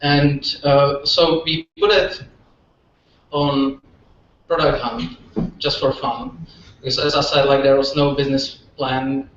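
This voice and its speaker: A man's voice: medium pitch, level tone, takes it slowly, a bit bright, a little hiss or hum. Man, czech accent, informal presentation, lots of fillers, echoey venue, muffled audio. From Czech Republic. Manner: rambling, many fillers and restarts. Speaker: meetup speaker. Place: echoey venue room at a meetup. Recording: roomy, distant, dull lo-fi audio.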